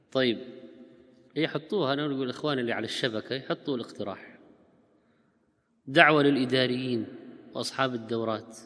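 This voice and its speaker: A man giving a religious question-and-answer lecture, who reads out listeners' questions quickly and then explains them at length. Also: mid-range voice, a bit bright, big-room sound.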